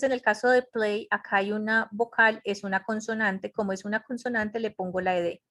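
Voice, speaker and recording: A woman's voice: mid-range voice, a bit bright. A woman teaching English grammar in an online class, explaining step by step and checking in with her students. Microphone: computer mic in a web conference.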